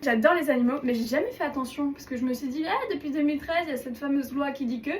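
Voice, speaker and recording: Chatty high-voiced woman vlogger. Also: quick pace, a little hiss or hum. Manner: chatty, playful, swears freely. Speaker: beauty vlogger. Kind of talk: casual get-ready-with-me chat.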